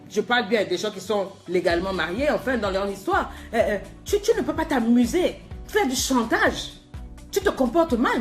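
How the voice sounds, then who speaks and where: Woman life coach, high voice, emphatic and scolding, preacher's delivery, soft music underneath. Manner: scolding, emphatic, rhetorical questions. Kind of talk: motivational preaching to viewers.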